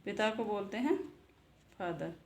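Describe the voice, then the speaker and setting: A woman's voice: mid-range voice, steady tone, normal speed. Echoey woman teaching English words. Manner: repeats each word twice, asks and answers herself. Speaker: channel host and English teacher. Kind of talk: casual vocabulary lesson. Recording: echoey room with faint noise.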